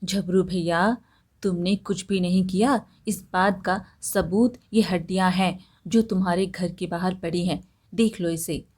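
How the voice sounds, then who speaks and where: A woman's voice: lowish voice, fairly even intonation, unhurried, a little mellow, husky. A woman voicing a clever young village man who teases and accuses his neighbor, in a storybook reading. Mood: teasing.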